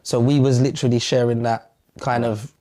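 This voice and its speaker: Mellow-voiced young man, rambling reflectively. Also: medium pitch, level tone, fairly quick. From London. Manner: rambling, reflective, fillers like "do you know what I'm saying". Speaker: podcast co-host as guest. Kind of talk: casual podcast conversation.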